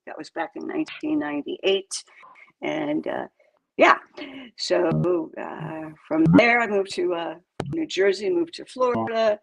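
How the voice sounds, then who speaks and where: Guesting on an interview, a New York State woman in her 70s who co-created a crypto project talks about her career in a rambling, hesitant way full of fillers. She sounds lowish, gravelly and very animated at a measured pace, on a low-quality recording.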